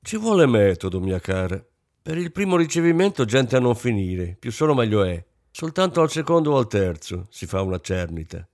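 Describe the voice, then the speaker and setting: A man reading an audiobook, voicing a blunt, self-satisfied middle-aged businessman who talks gruffly and offhandedly. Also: medium pitch, very animated, normal speed, darkish tone, dry recording, studio quality. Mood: offhand. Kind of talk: audiobook character voice.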